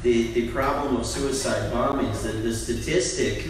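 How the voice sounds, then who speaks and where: A man's voice: medium pitch, fairly even intonation, measured pace. A man giving an impassioned speech on a panel, often restarting his sentences. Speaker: panel speaker, antiwar group director. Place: large indoor event room. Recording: very echoey room, distant mic, faint background noise.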